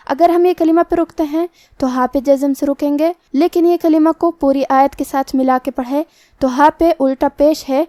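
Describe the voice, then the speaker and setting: Woman explaining recitation rules, high steady voice, super dry close sound. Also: no room sound. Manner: methodical, repeats rules in set phrases; slow drawn-out chanted recitation. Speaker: Quran recitation teacher. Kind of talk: step-by-step tajweed lesson.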